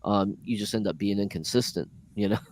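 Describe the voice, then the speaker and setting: A man's voice: fairly low pitch, fairly quick, darkish tone, no room sound. A man on a faith discussion panel, thinking aloud and restarting his sentences, with lots of "you know" and "I mean". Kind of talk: casual discussion.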